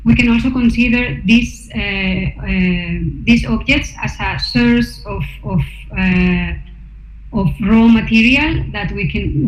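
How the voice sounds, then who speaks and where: A woman artist, not a native Norwegian speaker, presents her research alongside slides in a medium-pitched voice. She sounds hesitant, with many fillers and restarts. The room is echoey, the sound dull, and there's faint noise.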